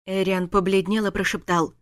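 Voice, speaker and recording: A woman's voice: medium pitch, level tone, normal speed, no room sound, clean studio sound. A woman narrating a first-person story as an audiobook, reading expressively.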